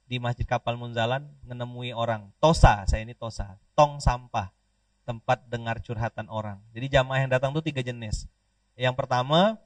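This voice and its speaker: A man from Pontianak, Indonesia, preaching a lively sermon, joking and leading call-and-response with the audience. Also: medium pitch, no room sound. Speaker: Islamic preacher. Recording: dry, distant mic.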